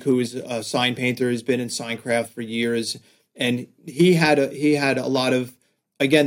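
A middle-aged New York man talks as a guest on a podcast, his pitch sitting in the middle of the range. He tells stories in an animated way, full of fillers and quick restarts. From Staten Island, New York. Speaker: guest, design agency founder. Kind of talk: casual podcast interview.

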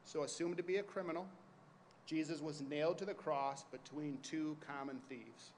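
A man's voice: fairly high pitch, normal speed. A man preaching with passion and drama, like a lawyer giving a closing argument to a jury. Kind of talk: sermon framed as a courtroom closing argument. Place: large reverberant room, addressing a congregation. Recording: reverberant hall with some noise.

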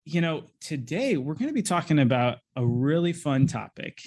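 A man's voice: a little high, very animated, moderate pace, a little mellow. A man hosting a podcast interview from an office over a video call, talking loosely with many fillers like "you know" and "like". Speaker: podcast host.

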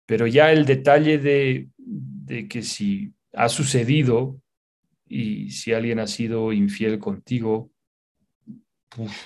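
Thoughtful man, low voice. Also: darkish tone. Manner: thoughtful, reflective, with many restarts. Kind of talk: casual conversation.

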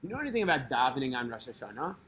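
A man's voice: mid-range voice, very animated, racing, fairly bright tone, slightly rough. A man quoting a friendly young guy. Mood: inquiring. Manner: casual direct questioning.

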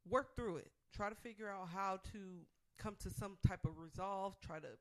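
A woman's voice: medium pitch, normal speed. A woman co-hosting a talk show, giving casual relationship advice in an earnest, emphatic way and restating her points.

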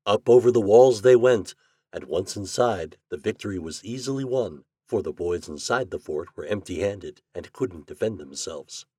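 A man's voice: lowish voice, expressive, normal speed, dark tone, husky, dry recording, studio quality. A man reading a children's storybook aloud, narrating expressively. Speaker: story reader.

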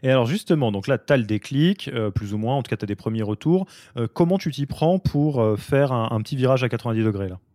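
A man's voice: mid-range voice, animated, quick pace, hardly any pauses, warm tone, dry recording, clean studio sound. A man hosting a podcast interview, asking long, conversational questions.

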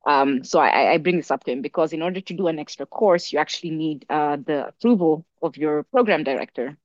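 A young woman from Africa speaks a little fast in a low voice as she shares a story on a podcast. Her casual, animated delivery includes lots of fillers and restarts. No echo is present, but the high frequencies are cut off.

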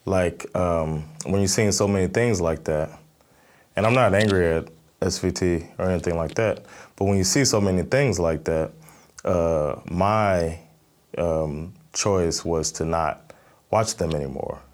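Deep-voiced American man, halting and earnest. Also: a little mellow. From Miami, Florida, USA. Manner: thoughtful, halting, many fillers and restarts. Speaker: stand-up comedian, interview guest. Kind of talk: earnest interview answers.

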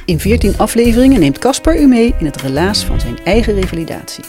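Brief: podcast intro announcer, animated melodic read, soft music bed. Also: medium pitch, fast. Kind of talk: scripted show introduction. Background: faint music.

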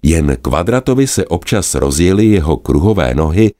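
A man narrating a fairy tale in a lively, expressive way. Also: low-pitched, dry recording. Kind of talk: storybook narration.

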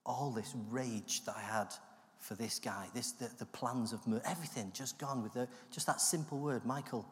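A man from the UK giving an animated, self-deprecating personal testimony that acts out the voices in his story. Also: mid-range voice, moderate pace. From United Kingdom. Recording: long hall reverb.

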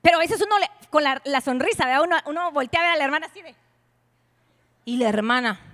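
A woman pastor preaches with a bright, high voice that rings out through a large, echoing church hall. Her delivery is emphatic and playful, full of teasing asides, and it jumps from loud declarations to hushed near-whispers. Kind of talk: sermon to a women's retreat. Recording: long hall reverb.

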